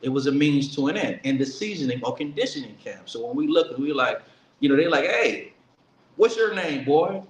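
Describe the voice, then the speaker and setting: A man giving an earnest political speech, emphatic and slowing down to stress key words. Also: mid-range voice. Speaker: speaker at a commemoration event. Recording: echoey room with faint ambience.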